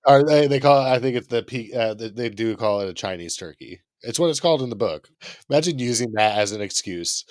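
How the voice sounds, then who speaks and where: A young man co-hosting a casual podcast, teasing his friend with a jokey, profane delivery. His voice is mid-pitched and recorded close and dry. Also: animated, fairly quick, no echo. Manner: teasing, jokey, swears freely. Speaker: podcast co-host. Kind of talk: casual chat.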